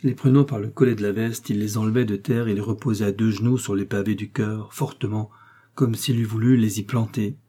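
A man reading a classic novel aloud as an audiobook narrator, measured and expressive. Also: on the low side, breathy edge. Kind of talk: literary narration.

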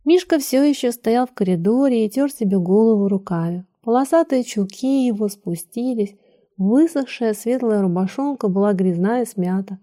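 A woman narrating a classic story in a measured, even storytelling voice. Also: a little high. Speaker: audiobook narrator. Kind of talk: scripted literary narration.

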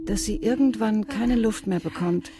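A woman's voice: mid-range voice, normal speed, natural voice. An actress playing a young daughter who pleads tenderly with her dying mother in a radio play. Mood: pleading. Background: music.

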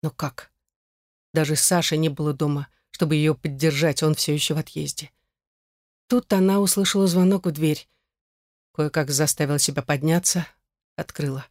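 An audiobook narrator with a mid-pitched voice reads a dramatic story. The recording is dry and close-miked, with no room sound. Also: steady tone, normal speed, pauses often, no echo.

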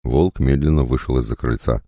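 A man reading an audiobook in a measured, even storytelling manner. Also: rumbling low, no echo, clean studio sound. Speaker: narrator. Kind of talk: audiobook narration.

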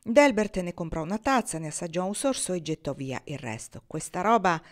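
A woman's voice: on the low side, sing-song, fairly quick, a little mellow. Woman reading a novel aloud. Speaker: audiobook reader. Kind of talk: audiobook narration.

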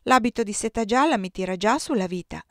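A woman reading the part of a headstrong young wife, speaking quickly and emphatically in a dry recording. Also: a little high, no echo, lightly acted. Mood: protesting.

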